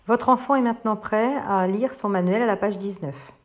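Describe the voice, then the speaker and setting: A woman with a French accent who teaches first grade, patiently explaining a reading lesson to parents and slowly spelling out sounds. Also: mid-range voice, background noise.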